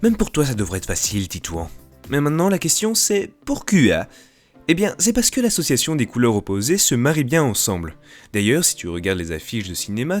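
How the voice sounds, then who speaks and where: Man, voice-over narrator, mocking, animated pitch, light music. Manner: mocking asides. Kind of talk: comedic educational voice-over.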